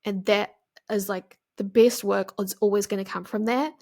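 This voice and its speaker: A young adult woman hosting a casual solo podcast, rambling in a relaxed way with lots of "like" fillers and the odd swear word. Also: mid-range voice, normal speed. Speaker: podcast host.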